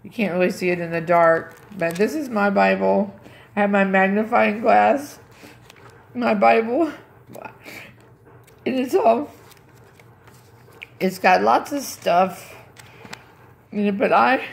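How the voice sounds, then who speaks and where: A woman hosting a devotional video, talking in a fervent, rambling, emphatic way with a groggy morning voice, from a dark room at home. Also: medium pitch, slow pace, creaky, pauses often, reverberant, poor audio. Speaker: Bible-reading video host. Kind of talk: casual devotional chat.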